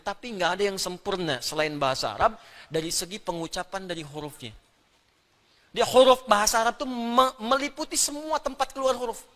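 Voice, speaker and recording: Animated male preacher in a reverberant hall. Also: a little high. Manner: animated, playful, demonstrates sounds aloud. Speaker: Islamic preacher. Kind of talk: religious lecture.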